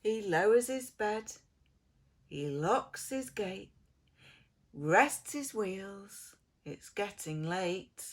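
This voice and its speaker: This is a theatrical read-aloud of a children's picture book by a woman with a medium-pitched voice. Like an expressive preschool storyteller, she stretches out her words and sinks into quiet, hushed phrases.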